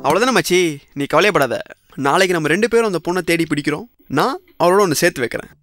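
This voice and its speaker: A man's voice: high-pitched, quick pace, dry recording, studio quality. An actor playing a cheerful, teasing young man who backs his friend. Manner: teasing, easygoing, lively. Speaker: roommate and friend. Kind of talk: short film acting. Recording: music playing behind.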